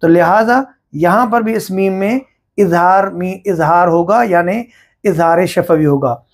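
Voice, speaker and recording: Slow, deliberate male recitation teacher. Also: sits high. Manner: slow, deliberate, explaining step by step. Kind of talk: religious lesson on recitation rules.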